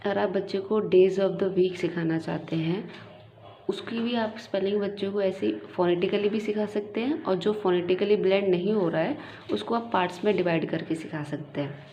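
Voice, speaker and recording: A woman's voice: medium pitch, warm tone. Woman sounding out spellings, echoey room. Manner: slow, sounds words out letter by letter. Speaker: teacher and channel host. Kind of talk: instructional explanation for parents. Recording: muffled, echoey room with faint hiss.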